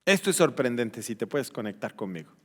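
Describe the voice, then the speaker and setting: A male pastor preaching a sermon, questioning the congregation and swinging from loud exclamations to hushed, slow emphasis. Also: mid-range voice, big pitch swings, big-room sound. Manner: addresses the congregation directly with questions.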